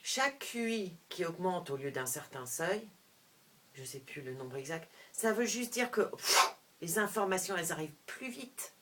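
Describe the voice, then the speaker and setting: Middle-aged woman telling a story, lowish voice, lots of restarts, gets loud then quiet. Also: moderate pace, background noise. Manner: animated, restarts often, shifts between hushed and loud. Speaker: vlogger. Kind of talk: personal storytelling monologue.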